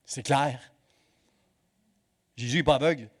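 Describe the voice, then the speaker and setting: A male pastor preaching a sermon in church, swinging between loud exhortation and hushed emphasis. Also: medium pitch, unhurried, breathy edge.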